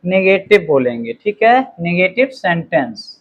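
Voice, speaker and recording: A man gives a slow grammar lesson, reading example sentences very clearly and asking "okay" after each point. His voice is high-pitched and sing-song, and the recording has its highs cut off.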